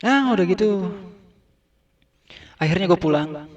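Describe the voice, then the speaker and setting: A man's voice: high voice, animated, unhurried, highs cut off. A man performing a stand-up comedy monologue, telling an absurd, repetitive story in casual slang. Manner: shouts out acted lines of dialogue.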